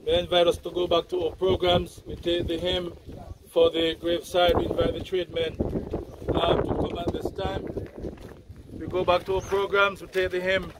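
A man with a Jamaican accent officiates as minister at a graveside service in a measured, solemn, declamatory way, recorded outdoors. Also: sits high, monotone. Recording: open-air recording with crowd noise. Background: crowd and outdoor sounds.

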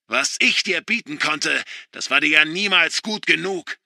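A furious middle-aged father hurls scorn in a raised, strained shout, voiced by a man reading a story. The voice sits higher than normal speech and rings hard and bright. The sound is dry and close, with no room around it. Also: moderate pace, no room sound. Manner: shouting, contemptuous.

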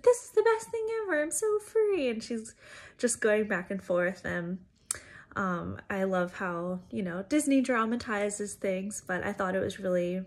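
A woman who works as an educator, giving an informal church devotional in a chatty, conversational way with frequent fillers. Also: mid-range voice.

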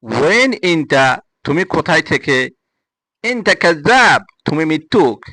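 A man with a Bangladeshi accent teaching spoken Arabic phrases, repeating each word and its meaning in a slow drill. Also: a little high, sing-song, sharp tone, no room sound. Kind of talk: spoken language lesson.

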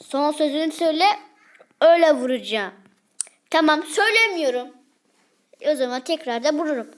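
A woman's voice: high voice, expressive, moderate pace. A woman improvising a game role-play video with rowdy, slangy banter. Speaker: video creator voicing game characters.

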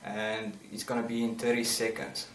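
A man's voice: fairly low pitch, little pitch movement, normal speed. A teenage young man chatting casually to camera as host of a challenge video. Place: indoor room with bare walls. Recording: roomy, distant mic, faint noise.

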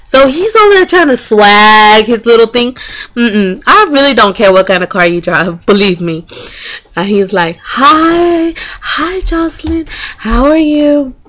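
Speaking at a moderate pace with medium pitch, a woman in her thirties shares a story in a casual vlog. She curses freely, laughs a lot and throws in sassy, dismissive asides, all delivered with animation.

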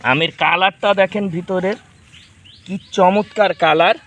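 His voice sits high and stays steady, a little slow and fairly bright. A Bangladeshi farming vlogger in his thirties, he's chatting casually in a garden as he shows fruit and instructs his children.

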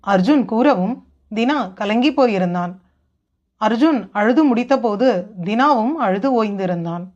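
A woman's voice: on the high side, animated, measured pace, darkish tone. Woman narrating a novel, lo-fi. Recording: dull lo-fi recording.

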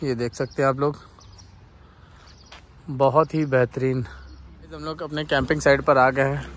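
A man's voice: mid-range voice, level tone, unhurried, a bit bright, low-quality recording. A man in his thirties vlogging a road trip, pointing out views and places to viewers as he drives and walks outdoors, filmed on a handheld phone. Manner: enthusiastic, points things out to viewers. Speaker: travel vlogger. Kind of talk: casual travel vlog narration. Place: outdoors on hill roads and in a car. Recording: outdoor traffic and wind noise.

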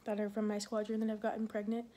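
A woman's voice: mid-range voice, completely flat delivery, quick pace, dark tone, slight background noise. Pregnant young woman, breathless vlog chat. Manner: rambling, many fillers like "like" and "um". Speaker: Air Force security forces member.

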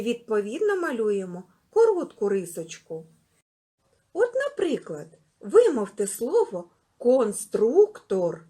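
Woman kindergarten teacher, husky, high-pitched, with bouncy, animated delivery for a preschool literacy lesson. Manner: lively, sing-song address to small children.

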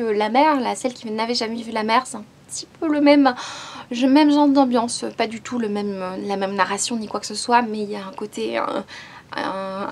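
A woman, talking casually about her new books as a book vlogger, chatty and hesitant with frequent fillers. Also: fairly high pitch. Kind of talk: casual book haul chat.

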